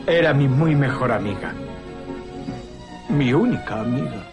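Naive, earnest simpleton, music-backed. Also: male voice, mid-range voice, animated, a little slow, muffled recording. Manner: naive, literal, plain-spoken. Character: simple, earnest, good-hearted Southern man. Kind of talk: dubbed film acting. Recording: film trailer with loud music.

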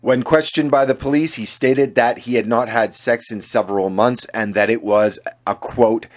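A man's voice: mid-range voice, fairly even intonation, normal speed. A man reading scripted commentary as a channel host, sardonic and indignant in manner. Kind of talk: scripted political commentary voice-over.

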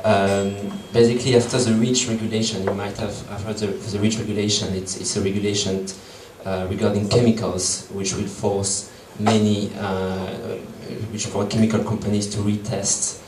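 In a meeting room, a thirty-something man with a French accent and French and Portuguese as first languages addresses an audience haltingly, restarting often and saying um a lot. His lowish, darkish voice stays flat and moves at a moderate pace with hardly any pauses. A far room camera records the echo along with slight background noise.

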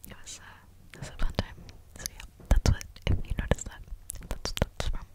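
Speaking a little fast in a soft, unvoiced whisper, a woman in her twenties chats through an ASMR vlog right in your ear. She's rambling, hesitant and confiding, seated indoors in a small, dim room at home. A binaural desktop condenser mic sits very close to her mouth.

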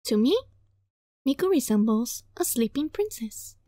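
A slightly high-voiced woman takes her time reading a visual novel aloud, dramatizing the lines and reacting casually with animated, playful annoyance while occasionally tripping on words. It's studio-quality audio with no echo.

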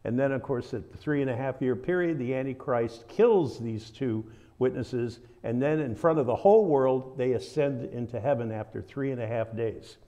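A man with a Southern American drawl leads a church Bible study, talking in a loose, folksy way. His voice sits at an ordinary middle pitch. The recording is slightly dull and muffled. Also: normal speed, hardly any pauses, warm tone. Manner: conversational, folksy, with asides.

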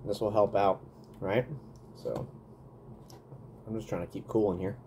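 A man in his thirties chats casually through a food review, with a lowish, mellow voice. He hums between bites. The sound comes from a desk webcam in a small indoor room, with faint background noise. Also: steady tone, a little slow. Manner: chatty, eating while talking, smacking and humming.

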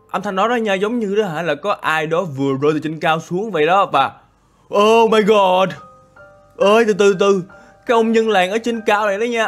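Excitable gamer guy. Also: sits high. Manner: animated, exclaiming, talks straight to viewers. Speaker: gaming YouTuber. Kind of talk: excitable horror game commentary.

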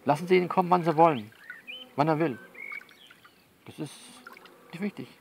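This man's voice is fairly high and creaky, delivered at a moderate pace with a little background noise. As performer of his own audio novel, he improvises a chatty one-sided monologue, coaxing and bossing a listener and repeating himself a lot.

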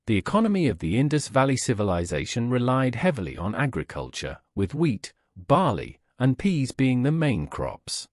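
A man reading a scripted documentary narration in an even, measured way. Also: mid-range voice, no room sound, studio quality.

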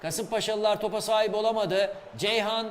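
A man giving excitable live play-by-play commentary on a football match. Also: high-pitched, normal speed. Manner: excitable, shouts at goals and chances. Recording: reverberant hall sound.

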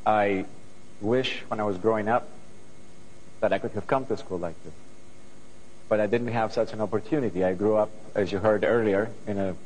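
A man's voice: lowish voice, fairly even intonation, normal speed, pauses often, darkish tone, slight background noise. Greek-accented man speaking in a hall. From Greece. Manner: earnest, thoughtful, with frequent restarts. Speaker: guest composer. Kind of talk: talk to a student audience. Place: television studio stage before an audience. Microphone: lapel mic.

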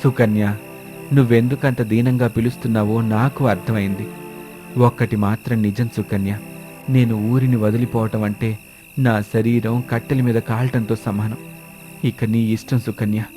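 Steadfast farmer husband, calm and firm; a man voices him, cartoon story. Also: fairly low pitch, moderate pace, faint music behind, natural voice. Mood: solemn.

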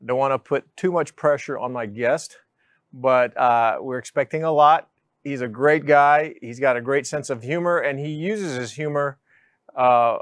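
A middle-aged man hosting a studio interview, relaxed and chatty, with lapel mic. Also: mid-range voice, no echo. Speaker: talk show host. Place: city studio set with sofa chairs.

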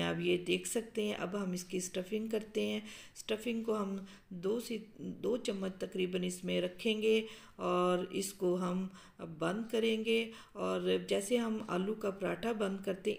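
Gravelly-voiced woman explaining a recipe. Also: mid-range voice. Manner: calm, explanatory, with frequent um fillers. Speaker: cooking show host. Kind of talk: step-by-step cooking instructions. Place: home kitchen.

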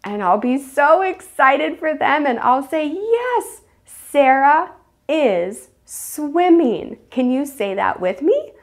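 A woman teacher explaining a classroom game for small children, acting out the children's shouts and whispers. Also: high-pitched, a little slow, hardly any pauses. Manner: animated, acts out children's voices. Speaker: preschool teacher. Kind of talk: teaching demonstration.

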